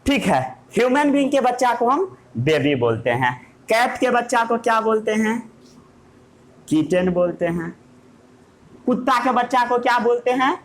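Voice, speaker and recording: A man's voice: high-pitched, a little hiss or hum. Playful man teaching a class. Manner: playful questioning of students. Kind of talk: classroom lesson.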